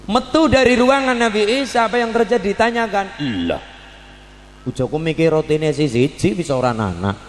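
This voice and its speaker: High-voiced preacher telling a story. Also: male voice, normal speed, long reverb tail, a little hiss or hum. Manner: lively, mixing Javanese and Indonesian, rhythmic sound words. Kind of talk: sermon storytelling. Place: religious gathering for women.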